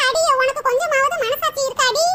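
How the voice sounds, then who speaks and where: A woman's voice: extremely high pitch, steady tone, fairly quick, pushed and bright, recorded from a distance. A woman voicing a fussy, fretting mother-in-law, wailing and scolding in turn. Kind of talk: cartoon comedy voice acting.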